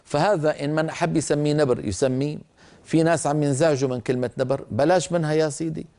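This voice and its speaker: An older man teaching Quran recitation, patiently explaining and slowly stretching out words to show how they are pronounced. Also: a little high, steady tone, darkish tone. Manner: stretches and repeats words slowly to demonstrate pronunciation; explains patiently, addresses listeners directly.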